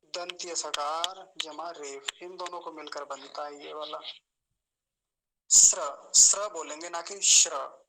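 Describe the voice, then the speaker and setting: A man teaching an online class on pronunciation, patiently explaining and slowly repeating sounds to demonstrate them, speaking over a video call. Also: on the high side, steady tone, bright, forceful tone, slight background noise, poor audio. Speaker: Sanskrit teacher.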